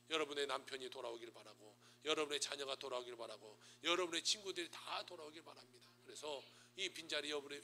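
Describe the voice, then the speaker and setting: A man, a pastor, preaching a sermon and telling a story dramatically, swinging between loud and hushed delivery. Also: medium pitch, slight background noise.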